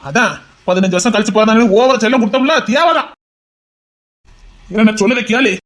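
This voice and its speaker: An actor playing a stern middle-aged father who scolds his son about marriage in a fast, insistent voice. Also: high voice, a bit bright. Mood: exasperated. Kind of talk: amateur audio drama.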